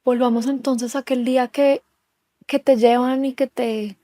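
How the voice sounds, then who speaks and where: Woman interviewer, slightly high, mellow tone, brief gentle questions, dry sound. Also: fairly even intonation, normal speed, dry recording. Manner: short gentle follow-up questions.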